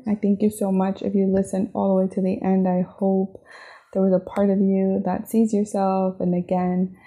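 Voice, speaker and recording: A woman hosting her own podcast, talking gently and encouragingly in a reflective solo monologue, often asking "right?" and "you know". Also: medium pitch, gravelly. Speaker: podcast host. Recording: phone-like narrow sound.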